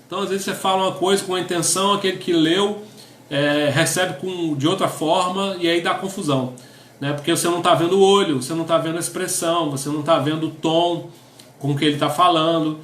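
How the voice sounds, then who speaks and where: A man's voice: on the high side, fairly bright tone, reverberant. A middle-aged Brazilian man, a pastor teaching couples in a conversational sermon, often tagging his sentences with a questioning aside. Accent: Brazilian Portuguese. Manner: conversational, tags lines with "né?", reads definitions aloud.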